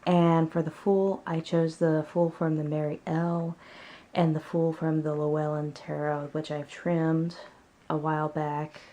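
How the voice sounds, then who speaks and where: A woman's voice: deep voice, flat delivery, unhurried, mellow. A woman chatting casually at home as she presents her favorites in a vlog. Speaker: tarot deck reviewer.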